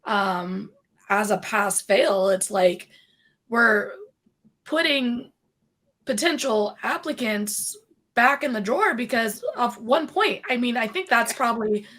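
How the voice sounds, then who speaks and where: A woman's voice: fairly high pitch, slow, fairly bright tone. A woman dispatcher co-hosting a podcast, chatting casually and laughing between points. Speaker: 911 dispatcher and podcast co-host.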